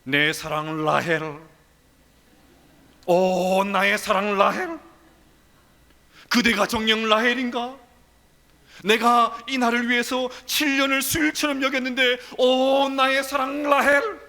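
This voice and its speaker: A man's voice: on the high side, moderate pace, pushed and bright, in a large hall, pitched below the performer's own voice. A man preaching acts out a young man, Jacob, who protests with indignation and pleads with tenderness. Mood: lovesick.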